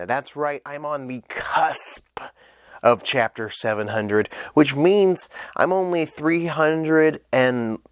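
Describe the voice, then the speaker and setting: A young man with a stuffed-up nose reviews an anime in a casual solo vlog, chatting eagerly with loose fillers and the occasional swear. His voice is mid-range and a bit bright, recorded dry at studio quality.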